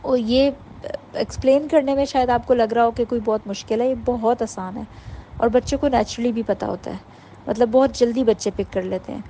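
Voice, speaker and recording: A woman giving an informal workshop talk to mothers, explaining patiently and sounding out letters slowly. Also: a little high, steady tone, mellow, slight background noise, rough recording. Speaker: parenting workshop teacher.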